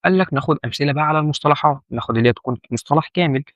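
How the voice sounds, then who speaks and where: A man's voice: on the high side, racing, fairly bright tone, dry recording, highs cut off. A man with an Egyptian Arabic accent teaching an informal lesson, repeating key points and asking the listener questions. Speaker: medical terminology instructor.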